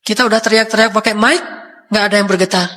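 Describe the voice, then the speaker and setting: Indonesian preacher in a reverberant hall. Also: male voice, sits high, fairly even intonation, fast, bright, forceful tone. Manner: casual storytelling with acted quotes. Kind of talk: sermon.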